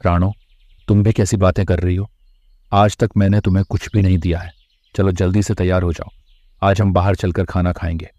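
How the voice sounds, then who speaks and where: Cartoon role: man as a friendly male bird, low mellow voice, dry sound. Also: flat delivery, normal speed, dry recording, close to an everyday voice. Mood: cheerful. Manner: friendly, reassuring. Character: kind male bird neighbor and husband.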